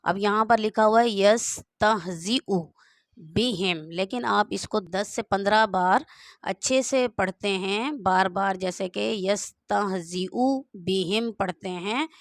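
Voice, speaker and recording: Taking her time, a woman with a medium-pitched voice patiently spells each word of the Quran letter by letter and then repeats it. It's a slow, step-by-step recitation lesson, recorded dry with clean studio sound.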